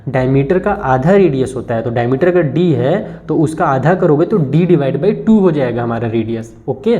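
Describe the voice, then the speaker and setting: A man's voice: a little high, dark tone. Patient man teaching maths, lo-fi. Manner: explains step by step, addressing students directly. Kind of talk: classroom math lesson. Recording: dull lo-fi recording.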